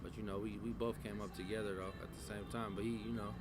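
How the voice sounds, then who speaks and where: Laid-back young Bay rapper. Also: male voice, fairly low pitch, level tone, quick pace, noisy background. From San Francisco Bay Area. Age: 20s. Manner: laid-back, loose slang, many fillers and restarts. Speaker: rapper guest. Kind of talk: casual interview chat.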